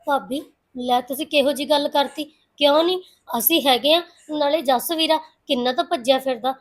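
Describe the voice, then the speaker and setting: An actress playing a caring young woman who calmly reassures and comforts. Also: high-pitched, normal speed, natural voice, rough recording. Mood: reassuring. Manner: soothing, reassuring. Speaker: young sister-in-law. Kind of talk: Punjabi web-series acting.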